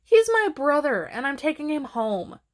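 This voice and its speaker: A woman voicing a bossy, excitable little girl in a storybook read-aloud. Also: high voice, normal speed, pitched above the performer's own voice. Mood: firm.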